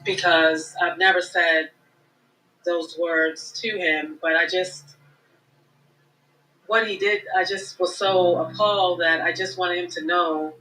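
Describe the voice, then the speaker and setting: Mom calling in, slow and halting, lots of ums, bright kinda tense voice. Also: female voice, lowish voice, steady tone, low-quality recording. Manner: hesitant, halting with many ums. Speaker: caller, a mother. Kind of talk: live call-in confession.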